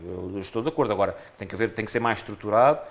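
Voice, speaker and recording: A man with a European Portuguese accent speaks quickly in a low-pitched voice, answering an interviewer earnestly and restarting phrases as he goes. He talks as a candidate in a local radio interview. A faint hiss of noise sits behind him. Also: lively intonation, gravelly. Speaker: municipal election candidate.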